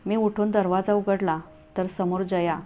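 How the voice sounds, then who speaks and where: A woman narrating a scripted first-person story as a storyteller, in an earnest, steady way. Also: medium pitch, a little slow. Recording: tinny phone-like audio, faint music.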